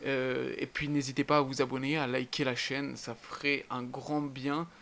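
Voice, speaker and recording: Male channel host with a gravelly, fry-tinged voice, walking through charts in short, punchy phrases. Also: mid-range voice, little pitch movement, moderate pace, a bit bright. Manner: clipped list-like phrases with casual interjections. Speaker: trading educator and channel host. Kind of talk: explaining trading charts.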